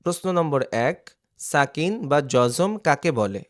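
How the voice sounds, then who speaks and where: A man gives a reading lesson on Arabic letters, sounding out each syllable and repeating it several times. His voice sits a little high and he speaks very slowly, pausing to check that his students are following. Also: lively intonation. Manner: slow, drilling syllables one by one, asking "ঠিক আছে?". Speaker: Quran reading teacher. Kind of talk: online recitation lesson.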